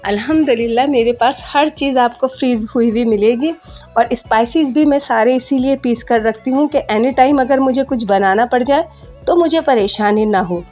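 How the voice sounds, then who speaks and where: A woman's voice: fairly high pitch, moderate pace. A woman narrating her cooking vlog in a chatty voice-over, explaining each step to viewers, her throat a little sore. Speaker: cooking vlogger. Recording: dull lo-fi voice-over with soft music.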